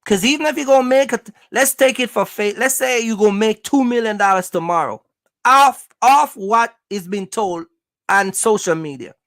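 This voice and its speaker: Hosting as a trucking business coach from Jamaica, the speaker has an animated, mid-range, slightly bright voice with noticeable creak, at a normal pace. The dry recording carries no room sound, and the casual motivational talk to viewers stresses and repeats points while often checking that listeners follow.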